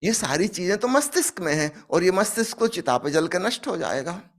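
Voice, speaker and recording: A man delivers a spiritual discourse as a parable, acting out the characters' lines. His voice sits a little high and swings widely in pitch, rising sharply on emphasis. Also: expressive, fairly quick. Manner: storytelling, acts out dialogue, emphatic rises. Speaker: spiritual speaker.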